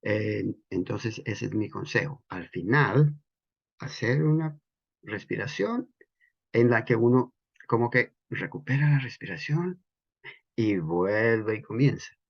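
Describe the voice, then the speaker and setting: A man teaching breathing in qigong practice, patiently explaining and repeating key terms slowly. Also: fairly low pitch, expressive, vocal fry, slightly rough, muffled recording. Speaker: qigong instructor. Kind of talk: instructional explanation.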